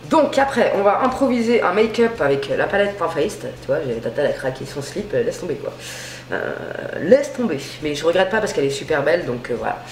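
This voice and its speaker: A woman's voice: sits low, big pitch swings, brisk, a little hiss or hum. Slangy, chatty woman in an echoey room. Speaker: beauty vlogger. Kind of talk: casual makeup tutorial chat. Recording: roomy echo.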